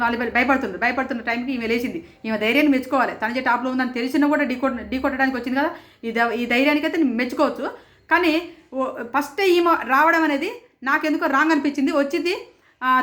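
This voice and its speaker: A woman's voice: high-pitched, a bit bright. A woman giving casual, opinionated commentary as a show reviewer, indignant and repeating phrases for emphasis.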